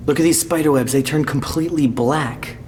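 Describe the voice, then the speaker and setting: Inside an abandoned tunnel, a young urban exploring vlogger talks casually and informally, with exclamations. His voice is fairly high, a little mellow and husky, and fairly quick, captured in a noisy on-location recording with ambience.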